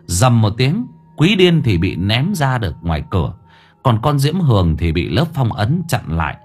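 A man narrating a horror audiobook with expressive, dramatic storytelling. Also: lowish voice, normal speed, husky, faint music behind. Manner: expressive storytelling with vivid sound words.

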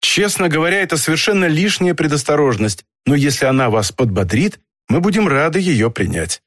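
A man's voice: a little high, very animated, fairly quick, a bit bright, no room sound, studio quality. A man reading an audiobook, voicing a brusque, commanding doctor. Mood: reassuring. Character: middle-aged male doctor, brusque and commanding.

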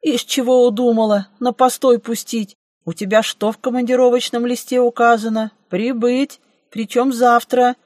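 A woman's voice: a little high, level tone, moderate pace, a little mellow, no echo, clean studio sound, voice pushed up, lightly acted. A woman voicing a grumpy, fussy old hunchbacked gatekeeper in an audiobook, scolding in a bureaucratic way. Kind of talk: audiobook reading.

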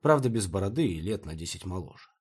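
Husky male audiobook narrator. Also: low-pitched, big pitch swings, fast talker. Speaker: audiobook reader. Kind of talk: first-person fiction narration.

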